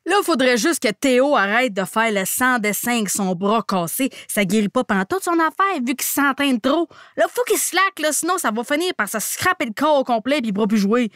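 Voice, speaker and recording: A woman with a Québécois accent recaps a show with slangy comic energy, sliding into a joking hockey-coach act. Her voice sits high and bright in register, recorded close and dry with no room sound. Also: normal speed, few pauses, dry recording. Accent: Québécois French. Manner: animated, slangy, playful mock hockey coach. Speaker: podcast host recapping a TV series.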